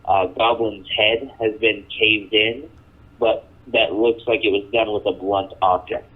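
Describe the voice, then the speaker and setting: Tinny, low-voiced male game master. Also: flat delivery, measured pace. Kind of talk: narrating a tabletop role-playing game, casual. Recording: tinny, narrow radio-like voice channel.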